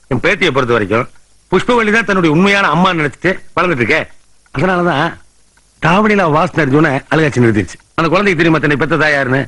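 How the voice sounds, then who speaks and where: Man doing an old tamil grandpa, chatty and scolding, talks quick over music. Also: a little high, a bit bright, natural voice. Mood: earnest. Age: older. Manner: coaxing, scolding, talkative. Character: doting grandfather pleading with his son-in-law. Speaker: film actor.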